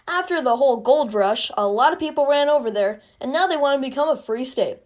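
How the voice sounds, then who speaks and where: High-voiced, sarcastic young woman narrator. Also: expressive, fairly quick, darkish tone. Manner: sarcastic, playful. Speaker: video creator. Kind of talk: comic history explainer narration. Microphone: phone.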